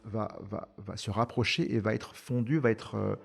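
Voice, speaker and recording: A man's voice: lowish voice, steady tone, moderate pace, creaky, soft background music. A man born in Iran and raised in France, a startup founder answering interview questions in a hesitant way, with many fillers and restarts. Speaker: startup founder, podcast guest.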